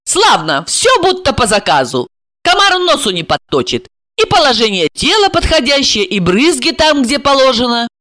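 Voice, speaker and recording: A reader doing a brisk, bossy, cold-blooded young woman. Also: mid-range voice, very animated, bright, forceful tone, no room sound, clean studio sound, voice pushed up. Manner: brisk, commanding, sardonic. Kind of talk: audiobook character voicing.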